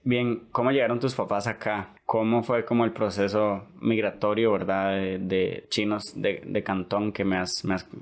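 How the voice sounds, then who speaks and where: A man's voice: lowish voice, little pitch movement, normal speed, few pauses. A young Costa Rican man hosting a casual podcast interview, chatty and peppering his talk with "¿verdad?". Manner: chatty, repeats "¿verdad?" often. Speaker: podcast host.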